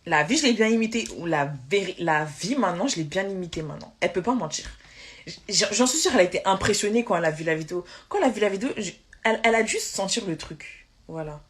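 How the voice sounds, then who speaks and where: A woman on a live stream, ranting in a heated casual way, talking fast with slang and many restarts, irritated. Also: mid-range voice, expressive.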